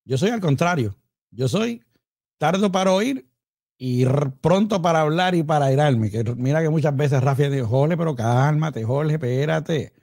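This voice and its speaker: A man giving an informal, conversational sermon, talking to a co-host and slowing down to read scripture. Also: on the high side, animated, darkish tone, no room sound, clean studio sound. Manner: conversational, addresses co-host by name; reads scripture slowly and deliberately. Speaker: preacher.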